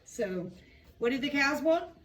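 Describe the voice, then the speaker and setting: Woman counselor, slow expressive read-aloud, classroom, distant mic. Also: high-pitched, slight background noise. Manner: expressive read-aloud with sound effects and questions. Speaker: school counselor. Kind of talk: reading a picture book aloud to students. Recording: echoey room, mic far off.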